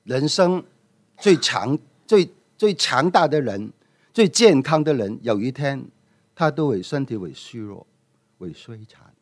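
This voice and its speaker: A man preaching as pastor, telling a story in a lively, emphatic way. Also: mid-range voice, a little slow. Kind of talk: sermon with storytelling.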